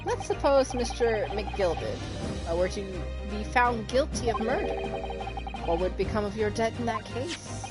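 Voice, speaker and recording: A woman's voice: fairly high pitch, expressive, measured pace. A woman game streamer in a casual let's play, reading game dialogue aloud dramatically and breaking off into casual asides. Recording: loud game music behind voice. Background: game music.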